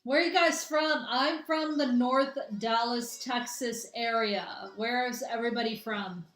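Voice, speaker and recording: A young Midwestern woman doing spiritual readings talks to her livestream audience in a high-leaning, slightly bright voice, a little on the slow side. Her casual chat rambles and restarts, recorded on a phone or webcam amid room echo.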